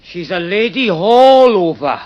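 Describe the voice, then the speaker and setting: A man's voice: high-pitched, sing-song, measured pace, darkish tone, highs cut off. An actor playing a lovesick male publican, sighing and yearning. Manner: sighing, yearning, rising to cries.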